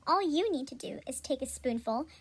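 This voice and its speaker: A woman playing an upbeat, salesy pitchwoman in a parody pharmaceutical ad, persuasive and scripted. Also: animated, brisk. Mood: enthusiastic selling. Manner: salesy, persuasive announcer delivery. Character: upbeat 17th-century female drug-commercial pitchwoman selling cures.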